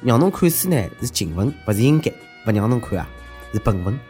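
This male host, with a clear Shanghai accent, comments on the news humorously and at a brisk pace. His delivery is sarcastic, mocking, and needling yet conversational, with animated pitch swings over background music.

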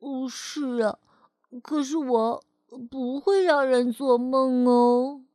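A curious little boy who asks everything in a hesitant, wondering way, as a storyteller puts him on. The voice is a little raised and bright. It comes across as a storybook child. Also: high voice, fairly even intonation, takes it slowly, no room sound, clean studio sound.

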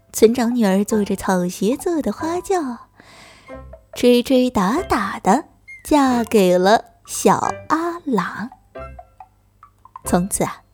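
A woman telling a children's story in a gentle, sing-song narration. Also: fairly high pitch.

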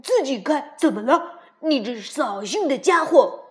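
A woman's voice: high voice, expressive, drawn-out words, dark tone, full character voice. A woman voicing a cheeky male frog who talks in a teasing, playful, sing-song way. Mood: loud scolding.

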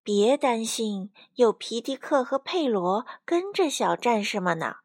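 A woman voicing a calm, sensible mother hen in a storybook, explaining and reassuring in a slow way. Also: fairly high pitch, dry recording, clean studio sound.

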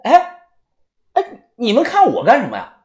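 A narrator voicing a flustered young male Taoist who speaks high and fast and stammers in alarm. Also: huge pitch swings, darkish tone, exaggerated voice. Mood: panicked. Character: young male Taoist with some medical skill, panicky.

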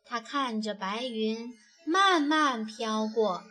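Brief: a woman reading a children's story, gentle and expressive, slow and high, faint music behind. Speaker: narrator.

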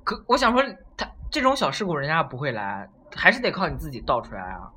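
A man casually telling a story on a podcast, animated and acting out the people in it. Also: a little high, quick pace, slight background noise. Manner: animated, acts out voices while telling a story.

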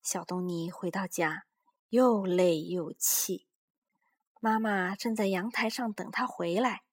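A woman reading a children's storybook aloud with expressive, lively narration. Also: medium pitch, takes it slowly, husky.

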